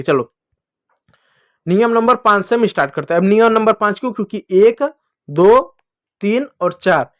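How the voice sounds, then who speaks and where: Male teacher, high voice, dry close sound, patient children's phonics lesson. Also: no echo. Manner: patient, repeats and asks pupils questions.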